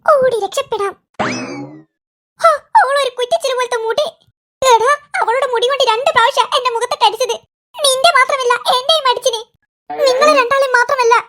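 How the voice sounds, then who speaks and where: A performer voicing squabbling cartoon kids and their mother, bickering in a squeaky, sped-up comic style. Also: a little fast, pauses often, bright, forceful tone, slight background noise. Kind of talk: cartoon character voices.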